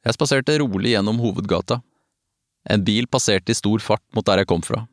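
A man narrating a novel in the first person, calm and even, as an audiobook. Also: lowish voice, dry recording, clean studio sound.

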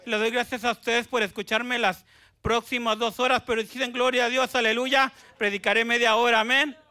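A man preaching in a church, shouting praise and dropping hallelujahs between phrases, then joking with the congregation and having them repeat lines. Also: extremely high pitch, little pitch movement, a little fast, clear, resonant tone. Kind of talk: Pentecostal sermon with call-and-response. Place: church sanctuary.

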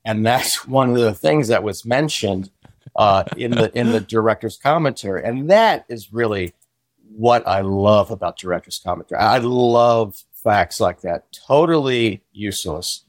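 A man's voice: on the low side, expressive, normal speed, no room sound. A man chatting as a guest on a podcast, eagerly sharing film trivia. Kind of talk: casual podcast chat.

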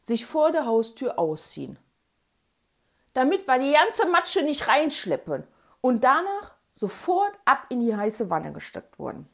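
A woman reading her childhood memoir aloud, dramatic, dropping to whispers and rising to shouts. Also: sits high, huge pitch swings, a little slow, vocal fry. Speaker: storyteller.

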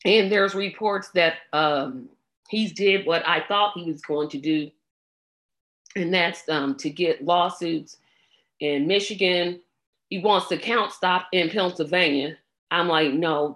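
A woman with a scratchy throat commenting on an election in a casual, blunt way. She speaks very slowly, with a somewhat low voice. She sounds exasperated and leans on filler ums between thoughts. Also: a bit bright. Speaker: political commentator.

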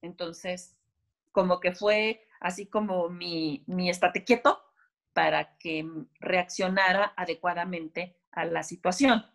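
A woman's voice: on the low side, steady tone, takes it slowly, gravelly, fairly bright tone. A woman in a casual conversation, explaining ideas and telling anecdotes from her own life. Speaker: guest speaker.

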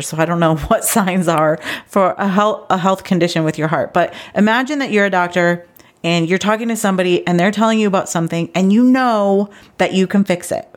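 A middle-aged woman hosting a solo podcast for travel agents, talking earnestly and with growing intensity before reining herself in. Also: on the low side. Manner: earnest and animated, gets intense then reins herself in. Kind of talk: casual solo podcast talk.

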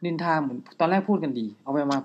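Low-voiced, fast-talking blunt woman. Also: a little mellow. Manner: blunt, talkative, swears casually. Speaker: interviewer and teacher. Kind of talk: casual chat. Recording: dull lo-fi recording.

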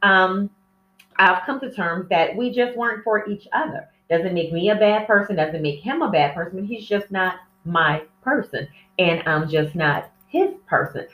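In a room with plants, a woman with a mid-range, fairly bright voice hosts a solo podcast at a measured pace, candid and casual, prone to rambling and sidetracks. Her cell phone sits away from her, so the audio is distant, dull, and echoey.

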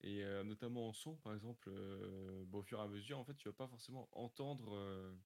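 A man's voice: lowish voice, fairly quick, a little mellow. A young man, a sound engineer, answering interview questions casually, thinking aloud with lots of hesitation.

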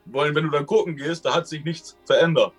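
A man's voice: a little high, a little fast, breathy edge, soft background music. Rambling, colloquial man telling stories. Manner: rambling and colloquial, often ends with a questioning tag. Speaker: guest telling his experiences. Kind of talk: casual storytelling.

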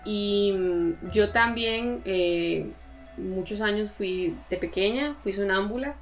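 A woman with a Costa Rican Spanish accent, co-hosting a podcast and telling stories in a lively, animated way. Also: medium pitch, slow pace, faint music behind. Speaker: podcast co-host. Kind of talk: casual chat.

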